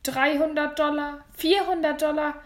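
A woman voicing a flustered middle-aged male auctioneer who calls out bids loudly and eagerly, read as a storybook. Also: high-pitched, level tone, normal speed, pitched above the performer's own voice, natural voice. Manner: loud, eager auction calling.

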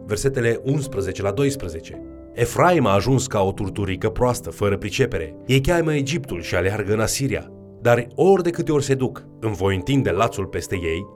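A man giving a scripted Bible lesson, reading scripture with added emphasis. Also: on the low side. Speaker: Bible teacher.

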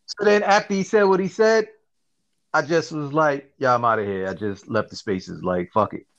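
A man hosting a casual podcast, telling stories in an animated, slangy way and often asking "you see what I'm saying". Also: fairly high pitch, normal speed, dull audio. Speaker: podcast host. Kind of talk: casual chat.

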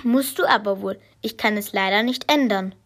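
A woman voicing a patient mother who answers her child in a calm, matter-of-fact way in a storybook reading. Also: mid-range voice, normal speed, close to an everyday voice. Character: patient, slightly tired mother.

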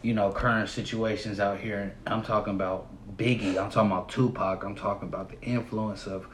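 A man's voice: lowish voice, fairly even intonation, brisk, reverberant, slight background noise, rough recording. A man guesting on a casual podcast, speaking in an earnest, slangy way and asking "you feel me". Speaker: podcast guest and fellow host.

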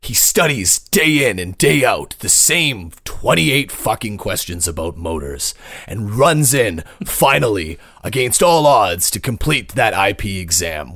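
A man doing a slow mock-epic trailer announcer. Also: fairly low pitch, a bit bright, no echo, studio quality, full character voice. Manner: slow, drawn-out delivery. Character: male movie trailer announcer, deadpan epic.

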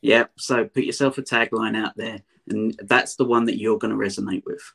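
A man's voice: lowish voice, fairly even intonation, normal speed, gravelly, bright, forceful tone, slightly rough. A man with an Essex accent chatting casually as an interview guest, plain-spoken and repeating points for emphasis. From Essex, near London, England. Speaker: podcast guest.

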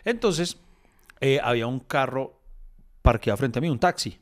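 A man with a Bogotá Colombian accent telling animated stories in a casual chat, acting out dialogue and laughing often. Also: medium pitch, moderate pace.

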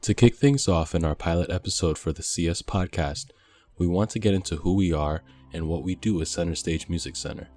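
A man hosting a podcast, opening the show in a smooth announcer manner. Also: deep voice, brisk, mellow, faint music behind. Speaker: podcast host.

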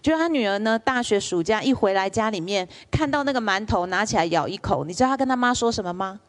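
A woman's voice: medium pitch, fast. A woman lecturer, telling stories in a public lecture and asking the audience questions. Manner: lively storyteller, asks the audience rhetorical questions.

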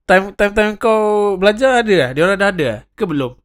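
A man's voice: sits high, big pitch swings, quick pace. A young Malaysian man hosting a casual interview, mixing Malay and English slang. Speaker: host.

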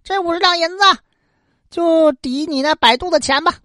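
A woman's voice: extremely high pitch, normal speed, fairly bright tone, no room sound, studio quality, voice pushed up. A woman telling a folk tale, voicing a fickle, self-serving young male scholar in dialogue. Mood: callous.

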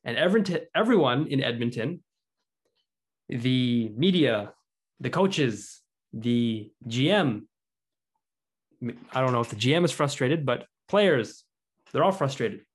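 A man's voice: mid-range voice, lively intonation, takes it slowly, long pauses, husky. Brief: male podcast host, talkative, casual, stat-heavy delivery. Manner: chatty, reads out stats and quotes. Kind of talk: casual sports chat.

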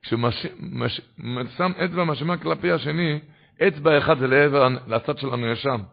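Male preacher, fervent sermon delivery, raspy and husky voice, muffled lo-fi audio. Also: a little high. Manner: fervent, swings to loud exclamations. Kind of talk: Torah sermon. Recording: dull lo-fi recording.

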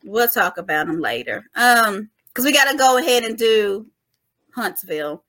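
Woman co-host, bright and fairly high voice, chatty and emphatic, casual podcast talk. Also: very animated, moderate pace. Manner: chatty, emphatic, addresses listeners as y'all. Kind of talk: casual chat.

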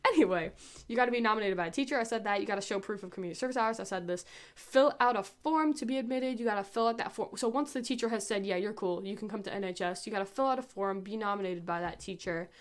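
A woman's voice: mid-range voice, fast. A teenage girl hosting a casual advice chat, rambling and chatty with lots of fillers. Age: teens. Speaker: host.

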